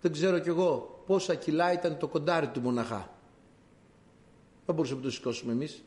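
A male preacher with a slightly high voice gives a sermon, telling stories animatedly and calling his listeners dear brothers.

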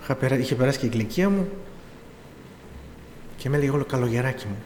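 A man's voice: mid-range voice, animated, a little mellow. A middle-aged man preaching, telling his own story with quoted dialogue and pleading emphasis. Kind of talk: sermon testimony. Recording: echoey hall with faint room noise.

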